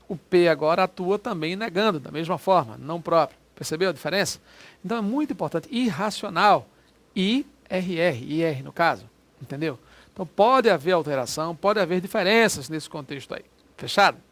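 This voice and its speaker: Brazilian guy teaching exam prep, high voice, keeps asking "get it?". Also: a bit bright. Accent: Brazilian Portuguese. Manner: chatty, prods the listener with quick check-ins. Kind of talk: lecture explaining exam questions.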